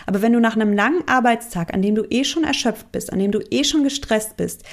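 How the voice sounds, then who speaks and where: A woman's voice: a little high, fast. A woman coach giving a monologue, explaining and addressing the listener directly.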